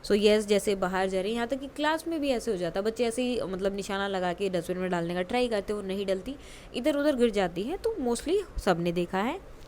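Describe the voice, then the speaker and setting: A woman teaching a worksheet lesson to young children, reading lines slowly and clearly and explaining them quickly in Hindi. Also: mid-range voice, expressive, darkish tone, slight background noise.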